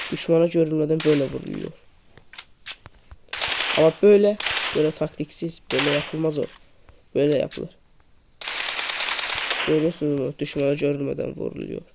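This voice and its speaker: A man's voice: creaky, very noisy. A man giving a casual gameplay tutorial on a poor microphone, repeating and demonstrating each tip while calling his viewers friends. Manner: repetitive demonstrative instructions, addresses viewers as friends. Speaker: mobile shooter game tips creator. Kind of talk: casual gameplay tutorial over screen recording. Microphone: poor-quality microphone. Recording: low-quality mic with loud gunfire game sounds. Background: game gunfire and clicks.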